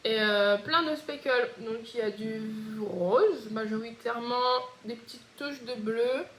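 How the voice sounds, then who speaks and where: Réunion-accented woman chatting about knitting, bit high voice, lots of pauses, echoey room. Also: slight background noise. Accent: Réunion French. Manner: chatty, hesitant, frequent pauses. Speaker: knitting podcast host. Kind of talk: casual chat.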